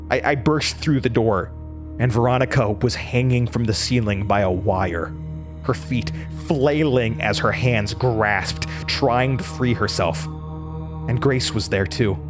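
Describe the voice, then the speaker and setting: An actor voices a haunted young adult male college student, narrating a horror story with an American accent. His medium-pitched, natural voice carries a deliberate, intense, and dramatic delivery.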